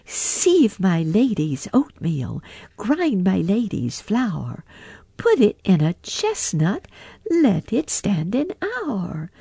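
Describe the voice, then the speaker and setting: A woman voicing a chorus of tiny, rude, merry mouse tailors who chant nursery rhymes in a high sing-song. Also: huge pitch swings, takes it slowly, vocal fry, warm tone, husky, dry recording, full character voice. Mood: merry, teasing.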